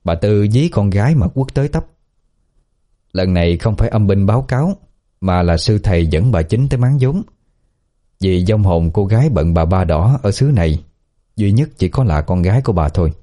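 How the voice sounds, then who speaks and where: Low-voiced male storyteller. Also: expressive, moderate pace, warm tone. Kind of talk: scripted audio-story narration.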